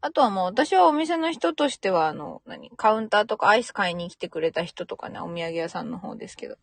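A young woman talks casually on her podcast, her pitch bouncing widely as she laughs and mimics greetings. The sound is dry and close, with no room around it. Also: lively intonation, fairly quick, vocal fry, dry recording. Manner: chatty, laughing, imitating local greetings. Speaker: podcast host. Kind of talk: casual solo chat.

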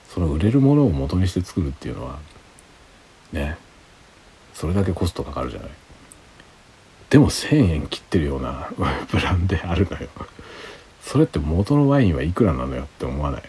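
Tipsy male streamer, very low pitch, lively intonation, quiet rambling late-night chat. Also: slightly rough. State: drinking alcohol, tipsy. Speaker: livestream host.

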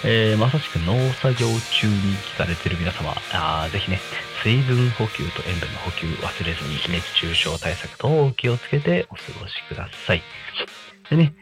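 A man hosting a casual community radio show, speaking politely and deferentially to listeners in a halting, apologetic way over guitar music. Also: fairly low pitch, lively intonation. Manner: halting, hesitant delivery. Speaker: radio host. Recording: music playing behind the voice.

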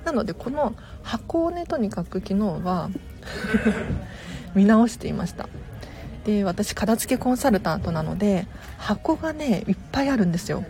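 A woman hosting a live stream as a tidying consultant, chatting politely and casually with viewers, laughing softly now and then. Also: mid-range voice, sing-song, moderate pace.

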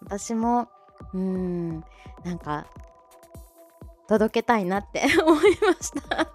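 Bubbly and giggly, a member of an amateur voice-drama club hosts a short audio livestream, chatting casually, reacting to listeners and making announcements. Her mid-range voice swings widely in pitch at a slow pace over a soft music bed.

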